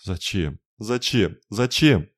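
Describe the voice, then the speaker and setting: A man's voice: fairly low pitch, animated, normal speed, a little mellow, pitched above the performer's own voice, natural voice. A man voicing a desperate young woman who pleads tearfully. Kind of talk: audiobook narration.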